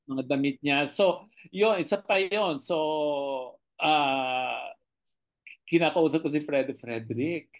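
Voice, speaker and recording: A middle-aged director with a Filipino accent, telling behind-the-scenes stories in a casual interview with animated, expressive storytelling. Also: mid-range voice, slow. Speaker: television director, guest.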